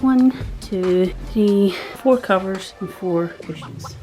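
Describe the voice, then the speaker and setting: Hoarse woman chatting while cleaning. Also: mid-range voice, takes it slowly, warm tone, faint music behind. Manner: chatty, upbeat, running commentary while cleaning. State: hoarse, losing her voice. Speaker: cleaning vlogger. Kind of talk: casual vlog chat. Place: at home.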